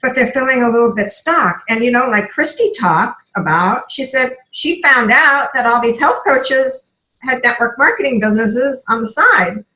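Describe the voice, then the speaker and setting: A woman's voice: fairly high pitch, expressive, normal speed, pushed and bright, reverberant, poor audio. A woman, a health coach who now sells essential oils, telling her story in an earnest, emotional way and acting out what people said to her. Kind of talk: casual personal testimony.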